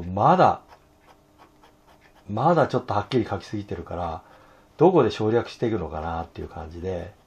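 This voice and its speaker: A hoarse man teaching fountain pen illustration, talking to himself in halting asides as he draws. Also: low-pitched, darkish tone. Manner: talks to himself while drawing, halting, murmured asides. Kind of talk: casual drawing tutorial.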